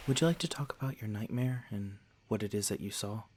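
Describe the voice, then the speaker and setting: A man acts a courteous vampire lord in an ASMR-like roleplay, speaking softly and fairly low straight to the listener with a natural voice, a little fast, over slight background noise. Genteel and a touch old-fashioned in his wording, he's gentle, attentive, protective and consistently reassuring.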